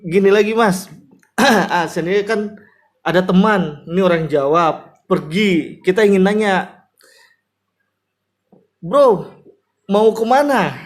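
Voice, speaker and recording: A man from Papua in casual chat, asking quick curious questions and repeating phrases after his teacher. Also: sits high.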